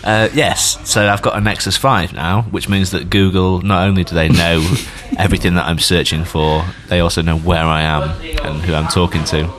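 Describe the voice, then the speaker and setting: A man with a very deep voice chats on a podcast. He jokes at his own expense and plays with words. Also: fairly even intonation, normal speed, hardly any pauses, fairly bright tone. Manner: self-mocking, playful wordplay. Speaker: podcast co-host. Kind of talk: casual chat.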